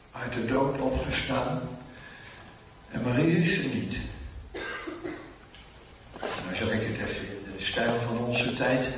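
An older man preaching a sermon, telling a Bible story in a lively way and acting out the voices of its people. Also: mid-range voice, a little hiss or hum. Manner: animated storytelling, acts out the voices in his story. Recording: echoey hall, mic set at a distance.

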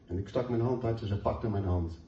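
A man's voice: fairly low pitch, a little fast, dark tone, a little hiss or hum. A man preaching a sermon, telling a personal testimony in an earnest storytelling way and reading scripture aloud. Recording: roomy, distant, dull hall mic.

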